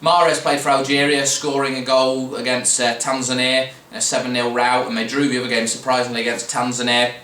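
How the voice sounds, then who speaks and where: A fan podcast host previews football matches in a sharp, medium-pitched voice that barely varies, talking fairly quickly with few pauses. He rambles casually, full of restarts and fillers. The mic sits at a distance, picking up a roomy echo and faint background noise.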